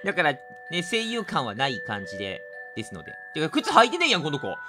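Excitable Kansai man streaming a game. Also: a little high, fast, over music. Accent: Kansai Japanese. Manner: excitable, jokey, swings from mutters to shouts. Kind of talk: let's play commentary.

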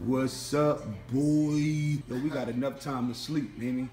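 A man's voice: medium pitch, fairly even intonation, a little slow, mellow, roomy sound. A young man chatting casually in a vlog, slangy and laid-back, laughing often with friends. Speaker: vlogger, groom-to-be.

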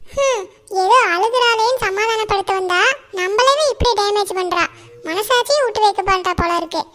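A woman voicing a little girl's consoling conscience in a cartoon, speaking softly and gently. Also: very high voice, normal speed. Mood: grumbling. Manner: soft, consoling. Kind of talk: cartoon voice acting.

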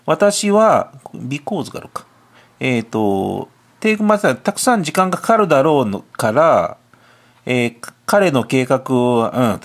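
A man's voice: medium pitch, sing-song, unhurried. A man with a cold, a cram school teacher, talks himself through English test questions and mutters asides as he works out each answer. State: has a cold. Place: tutoring classroom.

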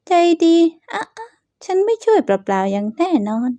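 A woman's voice: a little high, sing-song, moderate pace, dark tone, dry recording. A woman voicing a scheming, spiteful young woman who bullies her classmates, talking in a smug, sing-song, taunting way.

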